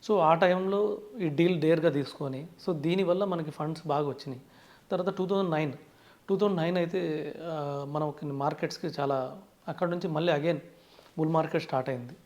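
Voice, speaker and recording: Speaking as a finance expert in an interview, a Telugu-accented man gives explanations sprinkled with English terms, frequently beginning with "so". His voice runs on the high side, a little fast and a little mellow.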